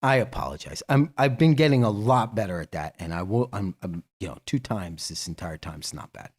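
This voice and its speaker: A man's voice: fairly low pitch, expressive, fairly quick, breathy edge. A man hosting a laid-back livestream, talking straight to his viewers. He rambles, restarts his sentences, laughs easily and drops casual swear words. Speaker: livestream host.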